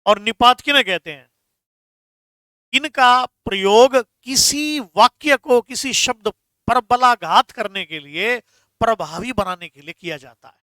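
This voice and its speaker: A man's voice: extremely high pitch, measured pace, bright, forceful tone, no echo, clean studio sound. A man teaching a Hindi grammar class online, stressing key words and answering viewers' comments.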